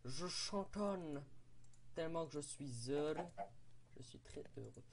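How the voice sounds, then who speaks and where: A man's voice: a little high, normal speed, vocal fry, background noise. A young man, giving playful, chatty commentary on his game and exclaiming at what he finds. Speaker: Minecraft let's play host. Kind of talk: casual gameplay commentary.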